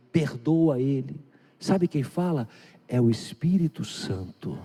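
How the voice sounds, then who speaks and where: A man with a Brazilian Portuguese accent preaching a sermon to his congregation. He swings between loud, urgent bursts and hushed, low passages and asks the listeners questions directly. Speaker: pastor. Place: church sanctuary.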